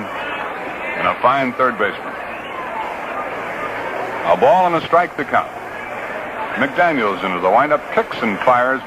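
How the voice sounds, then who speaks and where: An American man calls live radio baseball play-by-play from an outdoor ballpark broadcast booth, speaking folksy and conversational in short, clipped phrases. His voice is medium-pitched, and the lo-fi sound comes from a noisy vintage 1960s radio broadcast.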